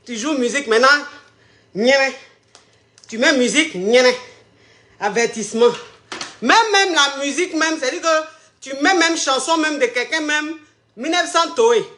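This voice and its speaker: A woman's voice: high voice, moderate pace, long pauses, fairly bright tone. A woman hosting a call-in live stream, theatrical with sing-song hype announcements. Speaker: call-in show host. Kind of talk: animated live-stream chat. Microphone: phone or webcam on a live stream. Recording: roomy echo.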